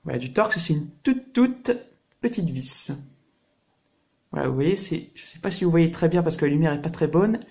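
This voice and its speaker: A man's voice: a little high, expressive, moderate pace, creaky, a little mellow, a little hiss or hum. A man hosting a casual hands-on computer hardware tutorial, chatty and explaining through everyday comparisons.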